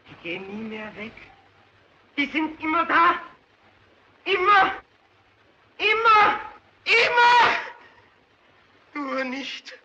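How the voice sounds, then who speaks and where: A man's voice: very high-pitched, slow pace, pauses often, heavy background noise, exaggerated voice. An actor playing a desperate, tormented male killer who pleads that he cannot help himself, in an early sound film with dull audio. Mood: anguished. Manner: desperate, broken, rising to frantic screams. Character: hunted, tormented male child killer pleading before a mob. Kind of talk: 1930s film drama acting.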